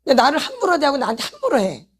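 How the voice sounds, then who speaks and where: High-voiced woman preaching urgently. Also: wildly swooping pitch, racing. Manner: urgent, presses listeners with repeated rhetorical questions; addresses the congregation directly, calls for repentance. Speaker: pastor's wife leading a healing meeting. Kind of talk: sermon.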